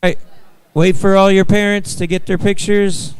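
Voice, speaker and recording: A man's voice: high-pitched, little pitch movement, normal speed, clean tone, no echo, rough recording. A man running the awards at a school robotics tournament, cheerfully calling teams up for pictures. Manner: cheerful, directing teams and crowd. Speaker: event organizer handing out awards. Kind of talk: live event announcing.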